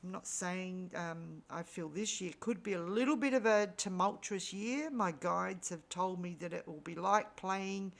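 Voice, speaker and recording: A woman gives an unhurried spiritual energy reading in a fairly low, slightly raspy voice, still recovering after losing it. She pauses often and fills gaps with frequent ums.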